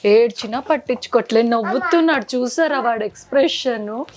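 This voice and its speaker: A woman's voice: a little high, moderate pace, heavy background noise. A young woman, a mother and vlogger, talking to her toddler at home in playful sing-song baby talk.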